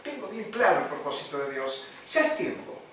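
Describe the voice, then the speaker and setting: A man's voice: a little high, big pitch swings, normal speed, a bit bright. A man with a Rioplatense Spanish accent, a pastor giving a chaplaincy lesson in a conversational sermon style, often tagging his sentences with "¿no?". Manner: conversational, frequent "¿no?" tags and fillers. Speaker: pastor teaching a chaplaincy course. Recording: echoey room from far off, faint noise.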